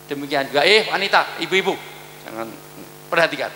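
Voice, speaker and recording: A man's voice: a little high, fairly quick, slight background noise. A man giving a humorous sermon to hospital staff, joking and acting out scenes. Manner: joking, animated, acts out angry shouting. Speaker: preacher. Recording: echoey hall with long reverb.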